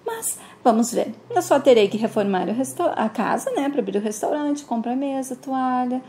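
Flighty vain mom, swoops high and low, woman doing it. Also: animated, moderate pace, warm tone, slight background noise. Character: vain spendthrift middle-aged mother.

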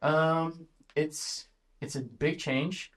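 A man in his twenties from the Netherlands, a guest introducing himself shyly with soft pauses. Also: fairly high pitch, steady tone. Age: 20s. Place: sitting room with other guests.

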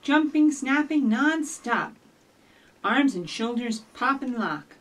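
Her voice is high and animated, and she takes her time. The middle-aged storytime host, a children's librarian, talks and reads aloud to young children in an encouraging, direct way, recorded from across a small indoor office with shelves.

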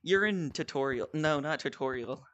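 A young woman streaming a game, chatting casually, shouting and half-singing as she plays. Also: sits low, normal speed, dry recording, muffled recording. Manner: excitable, shouts and half-sings while playing. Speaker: gaming streamer. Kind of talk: casual gameplay commentary.

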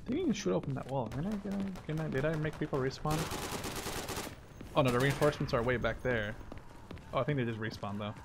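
A gravelly, mid-pitched male voice talks a little fast and pauses often as a gaming YouTuber, rambling casually through gameplay commentary and wandering off topic easily. Loud gunfire, artillery and explosions from a shooter game fill the noisy background.

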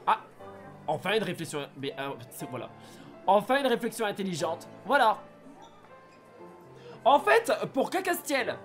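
A man talks to his viewers in a playful, animated way while he plays a dating game on stream. His voice sits fairly high and leaps around expressively. Soft game music plays faintly underneath. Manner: animated, joking, chatty with viewers. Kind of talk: casual live-stream commentary.

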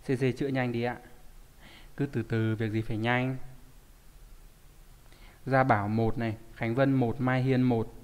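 A man's voice: mid-range voice, flat delivery, measured pace, pauses often, darkish tone, clean tone. A man teaching a live online language class, reading out student answers and asking the class frequent rhetorical questions. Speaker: Japanese teacher. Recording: long hall reverb.

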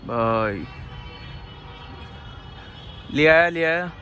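A young man from India in casual vlog commentary on an outdoor city rooftop, recorded on a handheld phone, excitable and often laughing as he urges a friend on. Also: on the high side, drawn-out words, soft background music. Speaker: vlogger. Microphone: phone camera held by the speaker.

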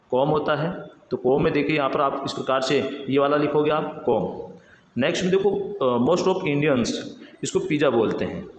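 A man teaching English pronunciation, explaining patiently and spelling words out letter by letter. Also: mid-range voice. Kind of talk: explanatory lesson. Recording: echoey room with faint background noise.

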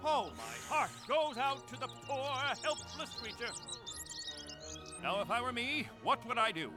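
Hammy, swooping cartoon hero dog. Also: male voice, very high voice, expressive, measured pace. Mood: pompous. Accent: American. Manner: pompous, theatrical, blustering. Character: vain, panicky adult male hero dog, hammy TV star. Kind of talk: animated film acting. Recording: film soundtrack with music behind.

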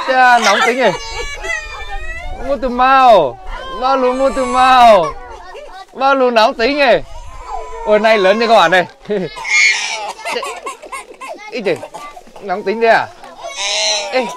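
A man with a Northern Vietnamese accent hosting a casual vlog outdoors in a village, chatting playfully and teasing as he talks to his viewers. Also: sits high. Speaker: vlog host. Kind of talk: casual handheld vlog narration. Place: outdoors in a village among children. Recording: outdoors with a crowd of children behind.

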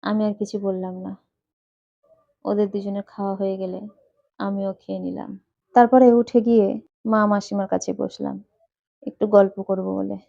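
A woman telling a family story in a plain, earnest way. Her voice is mellow and close, with a dry, dull lo-fi sound. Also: medium pitch, level tone, normal speed, vocal fry, long pauses, no echo. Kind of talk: personal story narration.

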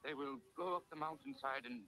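A man's voice: sits high, very animated, brisk, gravelly, pushed and bright, full character voice, poor audio. A stiff old-serial henchman. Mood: tense. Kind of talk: 1940s serial film acting.

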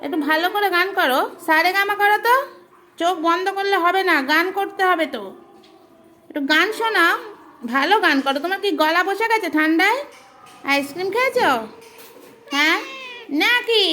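A woman's voice: very high-pitched, pushed and bright, slight background noise. A woman vlogging at home with her cats, chatting to viewers and coaxing her pets in baby talk. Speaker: cat owner and vlogger. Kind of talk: casual pet vlog, talking to viewers and cats.

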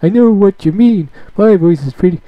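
A chirpy, squeaky teenage card-game hero, played by a man in a homemade comic redub. The voice sits high and bright. It is recorded dry and close, with no room sound. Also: expressive, normal speed, dry recording, highs cut off.

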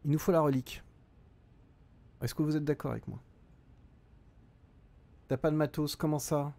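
A man's voice: fairly high pitch, fairly even intonation, normal speed, vocal fry, warm tone. A middle-aged man streaming a game live, reading out chat and thinking aloud with frequent hesitations.

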